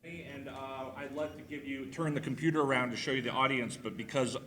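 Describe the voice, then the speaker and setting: A man's voice: mid-range voice, steady tone, brisk. A man hosting a live event, casually opening a Q and A. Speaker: event host. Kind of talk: casual moderating. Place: conference room with audience. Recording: noisy room recording.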